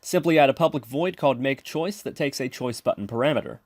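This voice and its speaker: A male tutorial presenter delivers scripted, step-by-step instructional narration as a screen-recording voice-over on a close mic. His medium-pitched voice is animated and fast, captured as clean studio sound with no echo.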